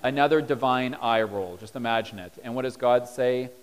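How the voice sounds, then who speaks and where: A man's voice: medium pitch, normal speed, clear, resonant tone. A man preaching a sermon as pastor, telling stories with humor and acting out the voices in his quotes. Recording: long hall reverb.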